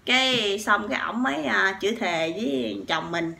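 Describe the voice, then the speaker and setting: Here the same Sóc Trăng vlogger, with her Southern Vietnamese accent, relates a lengthy personal tale at a moderate pace, her medium-pitched voice bright, forward and touched with vocal fry. She stays chatty and animated, heaping on fillers and addressing her viewers again and again.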